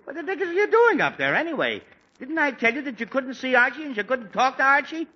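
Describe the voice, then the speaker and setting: In 1940s radio acting, a man plays an exasperated middle-aged father of a teenage son, fussy, easily annoyed and nursing a headache. His voice is very high and very animated, and he talks fast. The recording is dull and faintly hissy, typical of 1940s radio.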